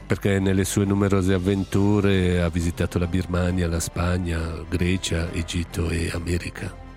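A male radio announcer with a very low voice reads in a formal, scripted way. His intonation stays extremely flat. Music is clearly audible underneath. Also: moderate pace. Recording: music behind the voice.

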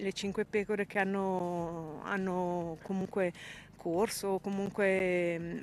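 Calm woman explaining outdoors. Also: medium pitch, a little hiss or hum. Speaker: sheepdog handler interviewee. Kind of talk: interview answers. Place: outdoors in a field.

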